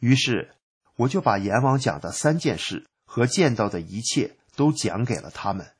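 A man's voice: medium pitch, sing-song, normal speed, breathy edge. A man narrating a first-person story in a plain recounting manner.

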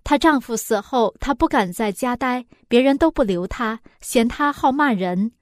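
A woman reading a scripted first-person story in a calm, even way. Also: a little high, normal speed, no room sound, clean studio sound. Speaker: program reader.

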